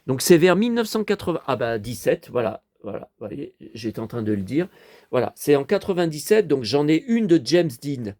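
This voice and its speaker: Here a toy collector presents his collection to viewers, talking casually and wandering from point to point as he addresses them directly. He has a fairly high, dark-toned voice with a sing-song lilt and a moderate pace.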